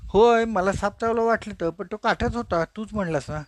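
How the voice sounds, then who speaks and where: A man's voice: high-pitched, moderate pace, no room sound, pitched above the performer's own voice, close to an everyday voice. A man playing an alarmed, pleading man who fears a snakebite. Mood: bewildered. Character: frightened man bitten on the back.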